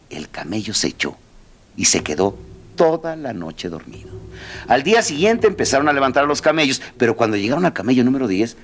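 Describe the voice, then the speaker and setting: Animated motivational speaker, man. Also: mid-range voice. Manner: animated, addresses the audience directly. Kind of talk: motivational talk with storytelling.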